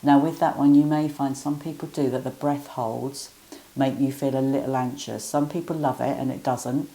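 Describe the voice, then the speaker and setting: A woman teaching guided breathing exercises in a gentle, encouraging, step-by-step way. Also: very deep voice, steady tone, normal speed.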